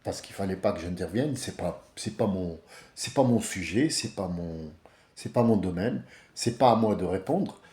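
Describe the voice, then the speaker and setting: A man's voice: deep voice, lively intonation, normal speed, dark tone, roomy sound. A man giving a casual, blunt monologue as a religious commentator, rambling with many restarts.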